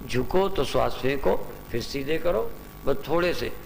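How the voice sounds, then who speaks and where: A spiritual teacher giving a talk to a gathered group, then leading them through a breathing exercise with repeated short instructions. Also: male voice, mid-range voice, lively intonation, normal speed, gravelly. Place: large hall with a gathered audience. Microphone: loudspeaker microphone. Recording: long reverb in a hall, faint noise.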